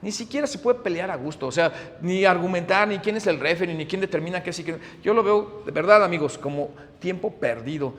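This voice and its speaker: Man, pastor, sermon, high voice, loud-to-hushed swings. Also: a little fast, hardly any pauses, long reverb tail. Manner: animated, swings from loud emphasis to hushed asides.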